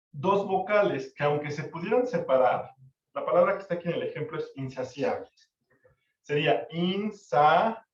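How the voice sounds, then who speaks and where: A male literature teacher, lecturing an online class, counting syllables slowly and checking for understanding. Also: fairly high pitch. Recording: echoey, distant, dull-sounding mic.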